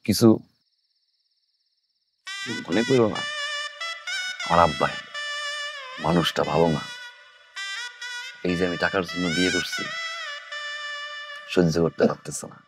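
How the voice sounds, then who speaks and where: A deep-voiced blunt young husband. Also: male voice, lively intonation, unhurried, long pauses, music in the background. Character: young husband who married for money. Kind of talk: TV drama acting.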